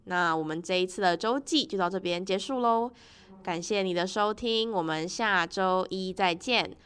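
A woman with a medium-pitched voice hosts a casual solo podcast. She talks in a chatty, personal way and voices her reactions expressively as she tells things. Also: moderate pace, fairly bright tone, clear, resonant tone. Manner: laughs often while talking. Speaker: podcast host.

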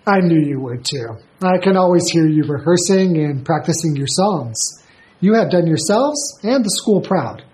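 A woman's voice: lowish voice, lively intonation, normal speed, a little mellow, lightly acted, poor audio. A woman playing an encouraging, proud school teacher in a language-lesson dialogue. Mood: approving.

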